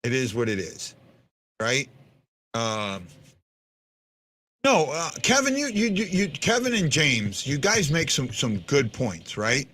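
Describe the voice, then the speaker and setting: Speaking slowly with frequent pauses, this fifty-something hockey fan show host has a medium-pitched, fairly bright voice that swings hugely in pitch. He chats casually on a livestream, responding to viewer comments in a blunt way and repeating himself.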